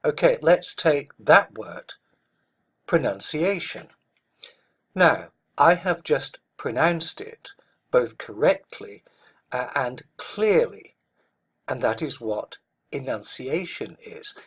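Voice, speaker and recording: Slow, husky male speech coach. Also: mid-range voice, sing-song, a bit bright. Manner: measured, deliberate, stresses words clearly. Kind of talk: instructional talk.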